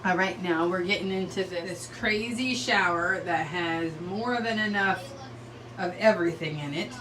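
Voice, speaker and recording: A woman's voice: on the low side, normal speed, recorded from a distance, background noise. A young woman vlogging casually at home, chatting as she walks viewers through her bathroom while decluttering and cleaning.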